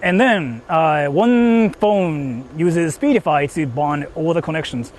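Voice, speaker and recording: Speaking slowly in a slightly high voice, this man streams IRL from a phone he holds as he travels through the countryside. He rambles to chat about his tech setup, using lots of fillers, and there's a little hiss or hum.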